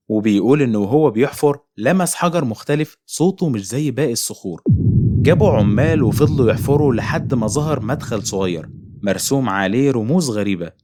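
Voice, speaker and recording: Fast Egyptian horror storyteller. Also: male voice, mid-range voice, darkish tone. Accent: Egyptian Arabic. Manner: dramatic, ominous storytelling. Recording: noisy home recording.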